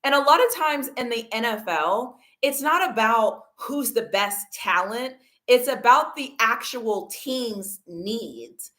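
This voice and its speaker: A woman's voice: fairly high pitch, lively intonation, takes it slowly, few pauses, pushed and bright. A woman hosting a casual football livestream, talking to her chat in an emphatic, argumentative way. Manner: talks to chat viewers. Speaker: livestream host.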